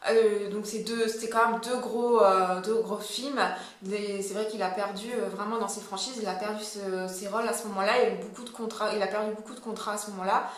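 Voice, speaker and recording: A woman's voice: medium pitch, steady tone, brisk, few pauses. A woman with a French accent explaining a court case in a casual, hesitant way, with many fillers and self-corrections. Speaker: commentator. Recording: very echoey room.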